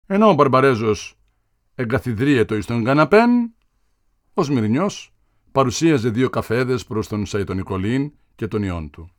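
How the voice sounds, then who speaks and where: A man narrating a literary audiobook in a measured, expressive reading style. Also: medium pitch, no echo, studio quality.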